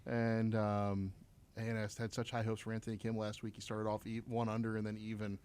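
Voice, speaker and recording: A man's voice: lowish voice, monotone, brisk, darkish tone, clear, resonant tone. Easygoing man hosting a casual podcast. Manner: easygoing, chatty, with frequent fillers. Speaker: podcast host.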